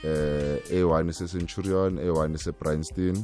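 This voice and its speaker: Very deep-voiced South African man, radio guest. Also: steady tone, moderate pace, darkish tone, soft background music. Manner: switches often between languages mid-sentence. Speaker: radio interview guest, operations coordinator. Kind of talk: conversational interview answers.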